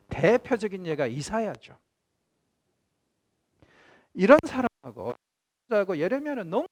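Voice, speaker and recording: A man teaching a theology class in a conversational, animated way, often acting out quoted speech. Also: high-pitched, dry recording. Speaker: professor.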